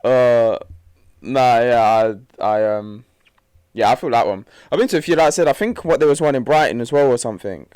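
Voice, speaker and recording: A man's voice: mid-range voice, normal speed, a little mellow, smooth, no room sound, studio quality. A young man chatting casually on a podcast, using slang, laughing easily and trailing off mid-sentence. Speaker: podcast co-host. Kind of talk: casual chat.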